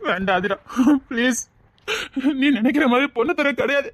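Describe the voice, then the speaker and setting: Actress as pleading young woman, Tirunelveli Tamil accent, tearful, high voice, dry sound. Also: normal speed, a bit bright, dry recording, close to an everyday voice. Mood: begging. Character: young woman desperately begging her friend to live.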